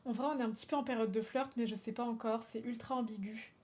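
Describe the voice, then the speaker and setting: A woman from France chatting on a livestream, animated and swearing freely, laughing often and slipping in English phrases. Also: fairly high pitch, fast talker. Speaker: streamer. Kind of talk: casual livestream chat.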